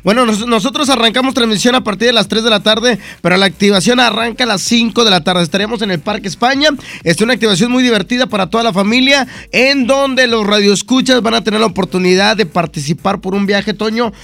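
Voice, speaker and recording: Fast, high-pitched, bright man. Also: gravelly. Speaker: radio show host. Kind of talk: lively radio promo chat.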